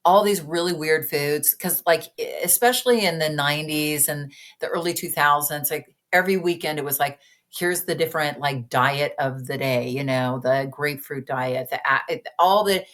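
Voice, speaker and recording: A woman's voice: low voice, moderate pace, few pauses, fairly bright tone. A woman in her fifties, a weight-loss coach speaking as a guest in a casual podcast conversation, chatty and earnest. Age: 50s.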